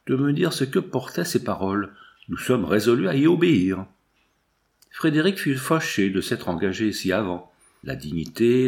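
A man narrating a classic gothic novel as an audiobook, voicing the dialogue of each character himself. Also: mid-range voice. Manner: reads all the characters himself, voicing them lightly. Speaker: audiobook reader. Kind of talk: scripted narration.

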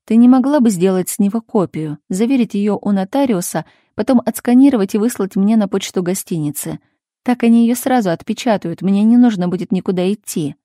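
A woman voicing a patient, insistent grown daughter who speaks calmly and firmly, in a storybook reading. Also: mid-range voice, a little fast, no echo, clean studio sound, lightly acted. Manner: calm, patient, pleading.

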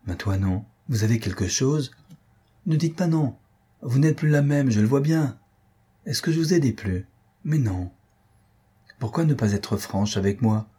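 A man's voice: medium pitch, lively intonation, measured pace, long pauses, warm tone, husky, voice pushed up. A man reading an audiobook, voicing a fickle, playful young count who talks lightly and affectionately. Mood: tender.

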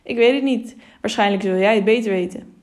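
A woman's voice: mid-range voice, fairly quick, darkish tone, natural voice. A careful, worried scribe of a town hall, as a woman reading a storybook voices him. He talks plainly and cautiously. It stays close to the reader's own voice.

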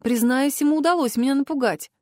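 A woman with a fairly high voice narrates a first-person fantasy audiobook, expressive and emotional. The close studio mic gives a dry sound with no room around it. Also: fast talker, no echo.

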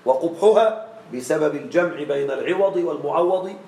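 A man teaching Arabic grammar to a class. He often checks that his students follow along and draws out the example forms slowly. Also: a little high, expressive, reverberant, noisy background. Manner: checks on students with frequent questions; drawn-out slow spelling of example forms.

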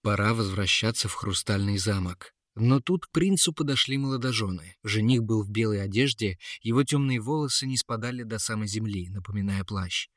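Guy reading a fairy tale, lively and expressive, dry close sound. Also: lowish voice, no room sound. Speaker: narrator. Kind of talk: audiobook narration of a fairy tale.

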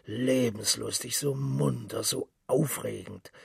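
A man voicing a boisterous, hard-drinking middle-aged male journalist, loud and boastful, with a gravelly, raspy voice. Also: mid-range voice, slow, no echo, clean studio sound, exaggerated voice. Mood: worldly.

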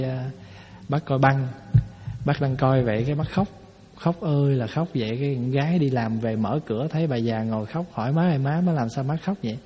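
A man, a Buddhist monk giving a folksy dharma talk to a hall, explaining with rhetorical questions. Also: medium pitch. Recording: echoey hall, dull lo-fi sound.

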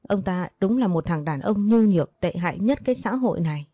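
A woman's voice: medium pitch, lively intonation, a little fast, mellow, no echo, close to an everyday voice. A woman voicing a poor, distraught middle-aged village wife who laments and pleads.

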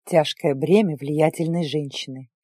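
Woman voicing a soft-spoken alien man, low and calm, mellow, dry sound, storybook. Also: measured pace, slightly rough, dry recording. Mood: teasing. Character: calm, teasing alien man, protective fiancé.

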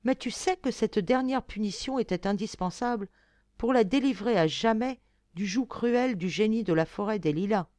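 A woman voicing a kind fairy-tale fairy and mother, speaking softly, gravely and caressingly. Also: medium pitch, moderate pace, dry recording, natural voice. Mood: tender.

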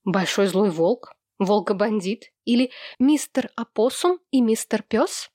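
A woman reading aloud and voicing a gentle young woman coaxing children into hearing her stories. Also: mid-range voice, animated, slow pace, dry recording, studio quality. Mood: eager.

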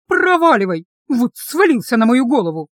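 A woman voicing a hot-tempered young female captive who shouts indignant threats in a raised, shrill voice. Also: lively intonation, fairly quick, dry recording, studio quality, close to an everyday voice. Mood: furious.

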